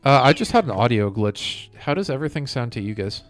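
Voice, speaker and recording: Music plays behind a man who streams a game and talks casually, working through his thoughts out loud for viewers. His medium-pitched voice is sing-song and fairly quick.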